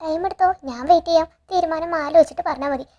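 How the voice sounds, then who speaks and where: A woman reading a smooth scheming young woman. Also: very high voice, very fast, warm tone, highs cut off. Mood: persuasive.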